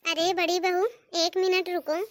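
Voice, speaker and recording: A woman's voice: very high voice, little pitch movement, a little slow, dry recording, clean studio sound. A woman voicing a stern but fair mother-in-law in a cartoon, scolding and giving orders. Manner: scolding, commanding, calls daughters-in-law "bahu". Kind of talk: cartoon voice acting.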